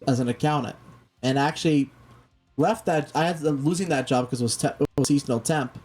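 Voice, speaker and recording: A talk show host whose first language is Spanish, talking slowly and carefully in casual chat, often restarting sentences. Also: mid-range voice, a little mellow, soft background music. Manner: deliberately slow, careful speech with frequent restarts.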